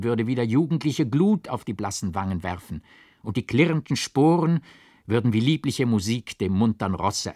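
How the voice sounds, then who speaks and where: A man's voice: lowish voice, darkish tone, no echo, studio quality, close to an everyday voice. A man reading an earnest, pleading old man. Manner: pleading, coaxing, rising to fervent exhortation. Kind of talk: audiobook character reading.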